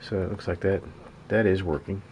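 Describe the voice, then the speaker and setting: This low-pitched, steady-toned speaker is a hobbyist radio repairer, pondering out loud as he works by hand at an indoor bench. His delivery is casual and hesitant, full of halting pauses. Noise can be heard behind him.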